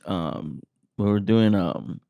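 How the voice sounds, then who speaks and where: Hesitant low-voiced male co-host. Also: gravelly, no room sound, phone-quality sound. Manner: hesitant, halting with "um". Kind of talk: casual podcast storytelling.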